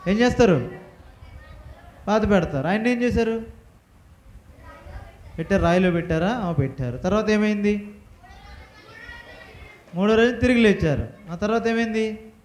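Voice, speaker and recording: A man teaching a Bible lesson to children, firing questions at the class and having them repeat answers loudly. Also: sits high, animated. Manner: quizzing the class with rapid questions. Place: church hall with children. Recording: echoey hall.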